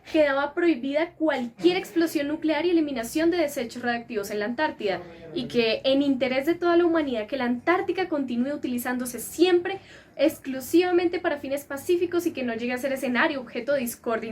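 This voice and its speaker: High woman reading a script.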